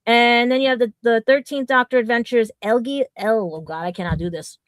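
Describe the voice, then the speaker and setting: Woman, fairly high voice, casual podcast chat, rambling, laughs often, dry close sound. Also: a little fast, dry recording. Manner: rambling, laughs easily, stumbles over names. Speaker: podcast co-host.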